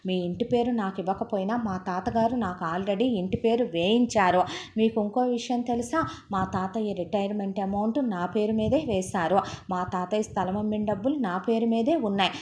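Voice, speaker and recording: A woman's voice: medium pitch, a little mellow, slight background noise, voice pushed up, natural voice. A woman voicing a teenage schoolboy who angrily lectures his stepfather, in a storytelling narration. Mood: indignant. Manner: indignant, lecturing, rapid reproach.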